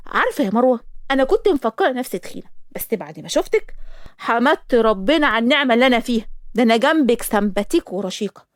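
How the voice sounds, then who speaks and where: A woman with an Egyptian accent narrating an animated storybook in a lively, teasing manner. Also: on the high side, rapid-fire, dry recording, studio quality.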